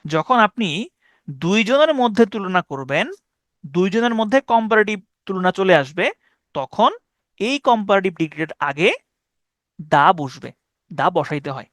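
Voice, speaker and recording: High-voiced man teaching grammar. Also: expressive, fairly bright tone, no room sound, studio quality. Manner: explains step by step, reads example sentences slowly, asks "ঠিক আছে?". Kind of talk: online lecture. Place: online class over Meet and Zoom.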